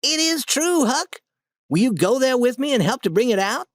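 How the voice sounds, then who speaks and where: In a storybook reading, a reader voices a bold young boy adventurer, pitched well up and bursting with eager, insistent excitement. The lines are lively and swooping at normal speed, with a dry, close recording.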